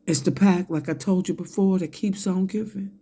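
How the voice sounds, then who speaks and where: Here a steady, dark-toned mid-range voice at normal speed delivers a hostile, foul-mouthed online tirade, drawing words out one at a time. Throat-clearing, coughing, and sips of a drink break up the phrases.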